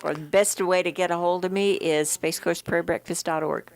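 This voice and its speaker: A woman guest on a radio talk show who invites listeners to a prayer event. Her voice is very low for a woman, and she speaks in a slow, deliberate way. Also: steady tone. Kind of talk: promotional radio announcement.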